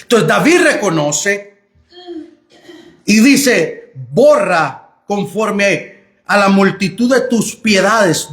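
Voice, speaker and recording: A man's voice: sits high, a bit bright. A male pastor preaching a sermon in a church, emphatic and repeatedly calling listeners brother. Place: church sanctuary. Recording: echoey church room.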